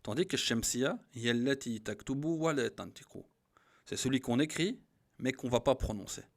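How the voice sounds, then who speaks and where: A man teaching Arabic grammar in a voice, patiently repeating each example word slowly and stressing it. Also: mid-range voice, animated, vocal fry. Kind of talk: grammar lesson.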